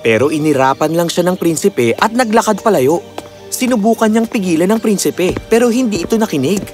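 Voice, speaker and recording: A man narrating a children's fairy tale in a slow, expressive storytelling manner. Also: high voice, faint music behind.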